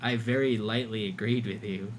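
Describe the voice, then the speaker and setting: A man's voice: lowish voice, steady tone, moderate pace, a little hiss or hum. A man livestreaming, ranting casually and with exasperation to his chat, swearing often. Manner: profane, exasperated, mocking quoted voices. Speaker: livestream host.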